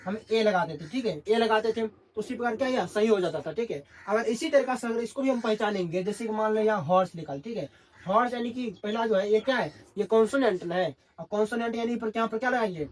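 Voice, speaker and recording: A high-pitched, brisk male tutor delivers an English grammar lesson in Hindi. He uses a call-and-response classroom style, forever asking questions and supplying the answers himself.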